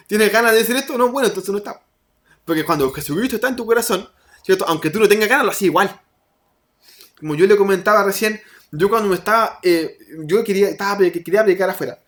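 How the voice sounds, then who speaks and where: A young man preaching a sermon, conversational, with quick asides and occasional laughter. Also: high voice, fairly bright tone.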